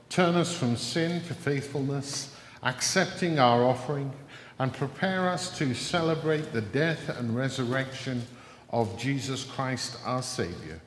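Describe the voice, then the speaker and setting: A man presiding at a church service, reading the liturgy in a measured, solemn way, his voice ringing with cathedral echo. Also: medium pitch. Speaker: presiding minister. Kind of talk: leading a liturgical prayer. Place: large church. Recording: echoey church hall, faint noise.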